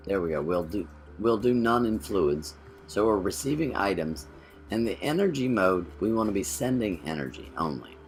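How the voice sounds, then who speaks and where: A man with a lowish, slightly bright voice co-hosts a gameplay video. He thinks aloud while playing and corrects himself mid-sentence in casual commentary.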